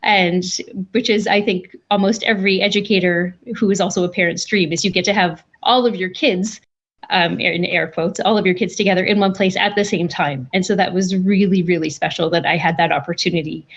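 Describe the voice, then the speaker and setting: A woman's voice: fairly low pitch, steady tone, a little fast, slightly rough. A woman who is an educator and a parent, giving earnest, reflective interview answers. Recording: dull lo-fi sound.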